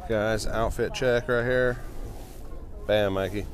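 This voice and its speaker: A reseller vlogger wanders a flea market with music playing behind him, chatting upbeat to viewers he calls "you guys." His voice is lowish and steady, and he talks slowly in this casual walkaround vlog.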